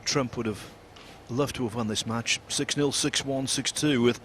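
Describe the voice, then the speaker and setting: A man giving live snooker commentary in a measured, analytical way. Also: medium pitch, steady tone, fairly bright tone. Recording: crowd and noise behind the voice. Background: arena crowd ambience.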